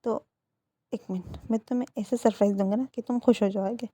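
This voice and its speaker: A woman's voice: a little high, steady tone, brisk, dark tone, close to an everyday voice. A woman voicing a devoted, lovestruck young man who is playful and insistent. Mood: teasing.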